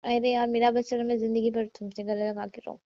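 A woman's voice: a little high, little pitch movement, brisk. A young woman chatting playfully with her partner on a phone call, laughing often and teasing him. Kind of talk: casual couple's phone chat.

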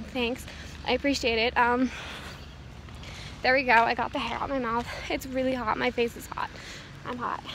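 A teenage girl vlogger with a high, fairly bright voice rambles casually and profanely into her phone, held at arm's length as she walks down a town street. She laughs at herself often, mocking her own words. Faint street noise and a weed whacker can be heard.

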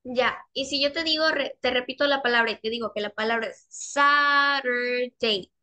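A young woman teaching a class over a video call, with a high and bright voice. She is patient and repeats her questions. She stretches each example word out slowly so that the learners can hear it. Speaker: English teacher. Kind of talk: online class instruction.

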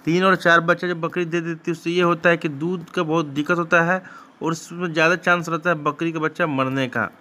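A goat farmer from Bihar, India, hosts his own channel, chatting casually over footage of his goat shed; his talk rambles, repeats itself and keeps restarting. His voice is fairly high and bright, with a steady, forceful tone and a slightly fast pace.

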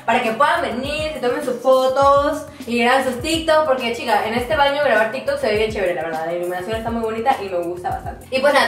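A Peruvian-accented vlogger in her twenties gives a house tour to camera, joking around casually with a playful, mock-serious air. Her voice is fairly high, and the camera mic picks up echo from the small hard-walled rooms, with clear background music playing.

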